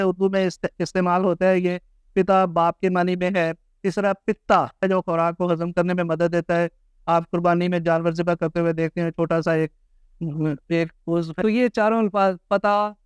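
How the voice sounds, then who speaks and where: Patient teacher, man, high clear voice. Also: dry recording. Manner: patient, spells words out letter by letter and repeats them slowly. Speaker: Urdu pronunciation teacher. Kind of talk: slow, careful teaching monologue.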